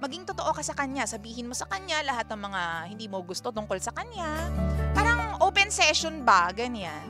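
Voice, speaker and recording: A woman's voice: sits high, big pitch swings, brisk. A Filipino woman radio DJ giving chatty relationship advice and reading listener messages, mixing Tagalog and English. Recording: radio broadcast with faint music behind.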